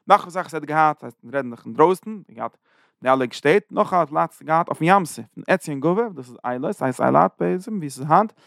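A man, giving a rapid, animated Torah lesson full of Hebrew terms. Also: fairly high pitch, vocal fry, no room sound, studio quality. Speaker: Torah teacher. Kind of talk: Yiddish-inflected Torah lesson.

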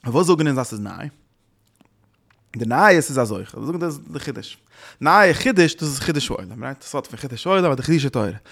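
A man giving a Torah lecture with an animated, chant-like delivery, repeating words and breaking into sudden loud bursts. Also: medium pitch, fast talker, vocal fry, husky. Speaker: Torah teacher. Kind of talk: Yiddish-inflected Torah lecture.

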